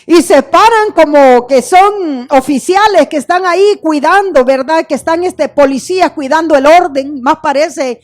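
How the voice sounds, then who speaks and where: A woman's voice: sits high, a little slow, hardly any pauses. A woman pastor preaching a sermon with passion, crying out the blind man's plea for mercy.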